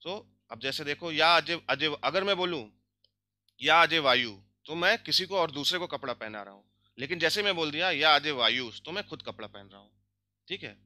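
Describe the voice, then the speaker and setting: A young man teaching a grammar lesson, explaining step by step, checking in often and drilling example words slowly. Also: on the high side, expressive, bright, forceful tone, no room sound. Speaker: language teacher.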